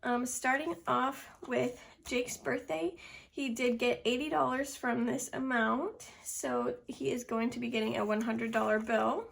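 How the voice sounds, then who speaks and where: Casting: young woman, higher-pitched, a bit winded, casual how-along narrator who tallies numbers aloud. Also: fairly even intonation, measured pace, vocal fry. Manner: counts amounts aloud step by step. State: slightly out of breath. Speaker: budgeting video host. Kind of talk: casual narration of a hands-on task.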